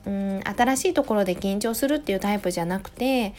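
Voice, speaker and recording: A woman in her thirties, a mother, talking in a gentle, chatty way in a casual solo audio diary, close to the mic. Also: mid-range voice, fast talker. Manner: gentle, chatty, many soft "ne" tags. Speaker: podcast host, mother of a preschooler. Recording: faint music behind voice.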